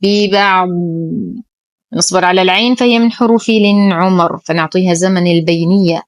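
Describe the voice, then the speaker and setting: Woman, lower voice, patient recitation teacher who spells out each rule and intones examples slowly, dry close recording. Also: steady tone, no echo. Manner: careful, precise, slow drawn-out recitation of examples. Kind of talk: tajweed lesson, explaining then reciting slowly.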